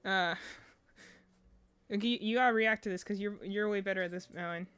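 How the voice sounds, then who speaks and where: Chatty young woman, smooth clear voice. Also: medium pitch, very fast, no room sound. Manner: chatty, self-deprecating, rambling with fillers. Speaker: streamer. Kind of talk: casual chat on a crafting stream.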